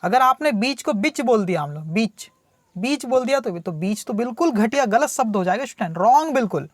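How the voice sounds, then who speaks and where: A man's voice: very high voice, lively intonation, dry recording, clean studio sound. A man teaching English word meanings in Hindi, patiently repeating himself and asking the student questions that he answers himself. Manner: speaks slowly when reading English examples aloud. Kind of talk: tutorial on English words, explained in Hindi.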